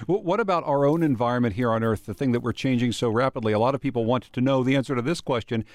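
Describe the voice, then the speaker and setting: A man's voice: mid-range voice, quick pace, no room sound. A man hosting a radio call-in interview in an informal, inquisitive way. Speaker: call-in show host.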